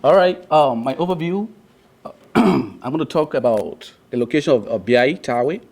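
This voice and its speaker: A young man from Liberia stands before his classmates to present. He speaks earnestly, often restarting a phrase before pushing on. His voice sits at an ordinary middle pitch. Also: animated, measured pace, darkish tone. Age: young adult. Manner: earnest, with frequent restarts and fillers. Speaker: student presenter.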